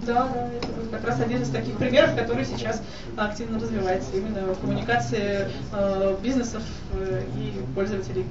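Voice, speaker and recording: Женщина неформально выступает перед публикой на живой встрече. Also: female voice, fairly high pitch, flat delivery, fast. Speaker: speaker at a blogging event. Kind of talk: informal talk with an audience. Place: echoey indoor hall at a live event. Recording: echoey hall, distant mic, muffled, noisy.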